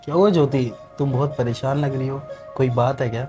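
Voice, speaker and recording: A man's voice: medium pitch, a little fast, dark tone, faint music behind, close to an everyday voice. A man playing a young husband caught between his wife and his mother, earnest and reasoning. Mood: concerned.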